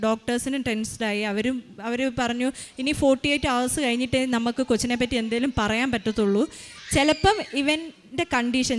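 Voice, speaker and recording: A woman in her thirties giving a personal faith testimony at a shrine, retelling events urgently with quick restarts. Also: on the high side. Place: shrine or church gathering.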